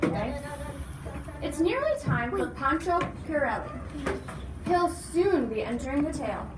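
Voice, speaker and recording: A woman reads a storybook aloud with animation, pausing to explain things and ask questions. Her voice sits high and sing-song at a measured pace. The room is noisy and echoey, and the mic is distant.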